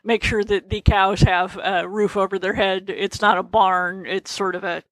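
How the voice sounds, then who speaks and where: High voiced guy chatting on a podcast, wry and playful, telling little stories, dry room sound. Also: level tone, moderate pace, a bit bright, no echo, poor audio. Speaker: podcast co-host. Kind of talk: casual chat and anecdotes.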